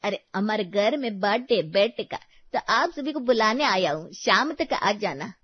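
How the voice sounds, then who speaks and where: Woman playing a friendly chatty neighbor lady, mid-pitch, dry dull sound. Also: expressive, unhurried, husky, no room sound. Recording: dry, slightly dull recording.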